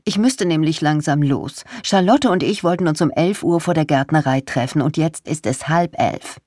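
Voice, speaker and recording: A reader voicing Inge, a practical older wife who is patient but insistent. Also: female voice, sits low, moderate pace, a little mellow, dry recording, studio quality.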